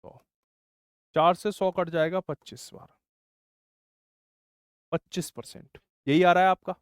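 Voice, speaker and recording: High-voiced maths teacher. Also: male voice, steady tone, a little slow, smooth, dry recording, studio quality. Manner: scolding, explains step by step, says bhai often. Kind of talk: online class lecture.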